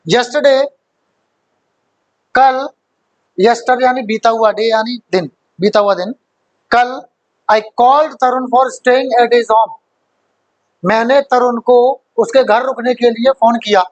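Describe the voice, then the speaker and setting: A man's voice: extremely high pitch, takes it slowly, long pauses, lo-fi sound. Man teaching a grammar class. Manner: quizzes students, repeats key points; mixes English terms into explanations. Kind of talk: classroom lecture.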